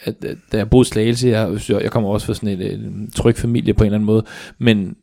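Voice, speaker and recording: A man's voice: fairly low pitch, little pitch movement, creaky, warm tone. A young man hosting a casual podcast chat, bantering and asking questions. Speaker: podcast host.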